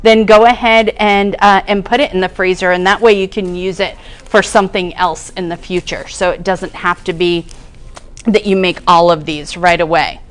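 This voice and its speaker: A woman cooking instructor gives a casual demonstration in a kitchen classroom, chatting through and explaining each step as she works. Her voice is fairly low with a steady tone and a moderate pace.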